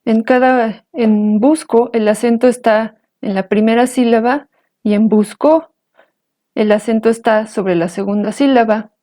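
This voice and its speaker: Woman, language teacher, slow careful explanations, higher-pitched, warm tone. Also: steady tone. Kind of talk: explaining and pronouncing example words.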